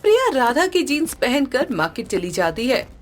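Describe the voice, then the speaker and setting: A woman's voice: high-pitched, wildly swooping pitch, faint music behind. A woman narrating a scripted cartoon family story. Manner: slow, storytelling.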